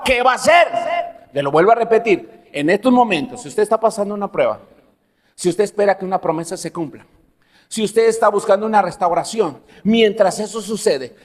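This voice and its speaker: A man preaching a sermon as pastor, telling personal stories and asking the congregation questions. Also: high voice. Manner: animated, laughs at own stories, asks the congregation questions. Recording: long hall reverb.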